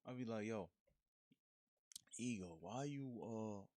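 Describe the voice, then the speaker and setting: A man hosts his own podcast in a relaxed, slangy monologue, speaking frankly and plainly. His voice sits on the low side, and the sound is dry and close with no room around it. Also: slow pace, dry recording. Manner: frank, slangy, laid-back street talk. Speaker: podcast host. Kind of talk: casual solo monologue.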